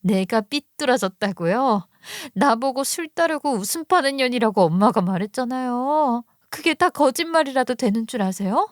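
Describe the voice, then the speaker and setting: A woman's voice: a little high, animated, normal speed, hardly any pauses, no echo, studio quality, pitched above the performer's own voice, lightly acted. A woman voicing a defiant young woman who bitterly accuses her own mother, her voice raised and hurt. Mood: bitter, accusing.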